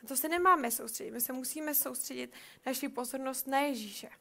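A woman's voice: high-pitched, vocal fry, bright, forceful tone. A woman reading a Bible passage and reflecting on it in a conversational way, often repeating words as she thinks.

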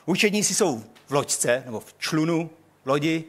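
An older man preaching a sermon in a hall, telling the story in an animated way and acting out the quotes. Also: on the high side.

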